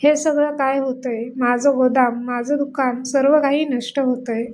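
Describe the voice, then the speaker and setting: A woman's voice: sits high, steady tone, unhurried, darkish tone, a little hiss or hum. A woman voicing a proud, scornful rich man. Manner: scornful, dismissive.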